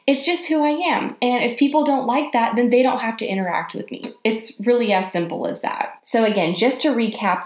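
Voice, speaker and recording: An upbeat woman in her twenties talks through a solo podcast in a bubbly, chatty way, picking up speed when excitement takes over. Her voice sits at an ordinary middle pitch. The recording has a noticeable roomy echo. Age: 20s. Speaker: podcast host. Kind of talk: casual solo podcast talk.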